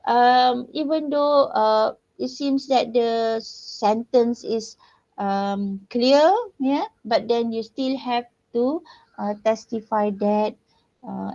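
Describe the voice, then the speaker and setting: A woman giving a lecture to her students, pausing often with fillers and checking in with "yeah" and "eh". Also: fairly high pitch, a little mellow, lo-fi sound. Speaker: university lecturer. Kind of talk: recorded online lecture.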